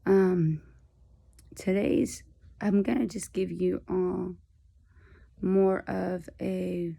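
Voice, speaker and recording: A woman speaking in a casual video diary, weary and halting, her speech labored by a sore throat after surgery. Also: lowish voice, fairly even intonation, gravelly, mellow, slightly rough. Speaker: patient vlogging surgery recovery.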